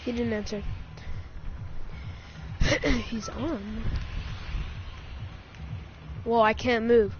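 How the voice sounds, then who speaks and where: A woman's voice: a little high, fairly even intonation, extremely slow, pauses often. A woman giving casual gameplay commentary as a gaming channel host, chatty and full of slang. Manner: chatty slang-filled, says yo and bro. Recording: dull lo-fi sound with game music. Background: game music.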